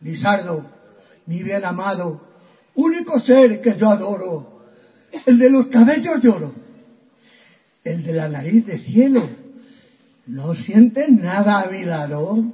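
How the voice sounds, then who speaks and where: A man's voice: high voice, very animated, takes it slowly, pauses often, warm tone, full character voice. A man voicing a lovesick young noblewoman who declaims overwrought, mock-tragic verse in a comic poem. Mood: melodramatic.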